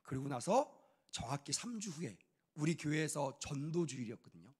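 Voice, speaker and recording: A young adult man, a youth pastor, telling a personal testimony in a sermon with animated storytelling and acted-out voices. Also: a little high, normal speed, husky.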